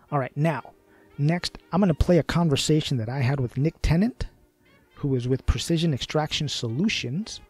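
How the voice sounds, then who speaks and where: Mellow-voiced man hosting a podcast. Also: medium pitch, dry recording. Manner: conversational, repeats words, many fillers. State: losing his voice. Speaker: podcast host. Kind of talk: casual podcast monologue.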